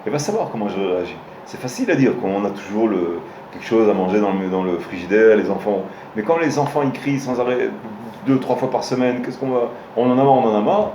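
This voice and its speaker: A man's voice: lowish voice, animated, fast, few pauses, background noise. Man teaching a lesson in a roomy room. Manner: storytelling, with frequent restarts and hesitations; addresses listeners directly. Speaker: rabbi teaching a Torah class. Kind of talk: informal Torah lesson with stories. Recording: roomy room with faint ambience.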